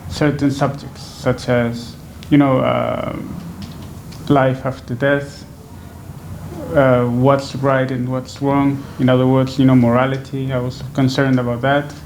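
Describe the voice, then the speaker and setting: With a bit of hiss or hum in the background, a Venezuelan man in his twenties speaks slowly in a mid-range, level, darkish voice. He sits on a sofa in a small indoor room at a stand microphone, answering interview questions thoughtfully and hesitantly, with many fillers and restarts.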